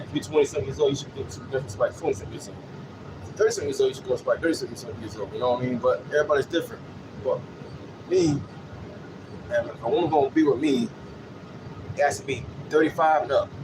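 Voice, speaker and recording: Riding a city bus, a man in his late thirties with a mid-range voice delivers an unscripted vlog monologue full of anecdotes. His talk is loose and repetitive, and he keeps checking in with "you know what I'm saying" and other "you know" tags. The clip clearly picks up the noise of the vehicle and the air.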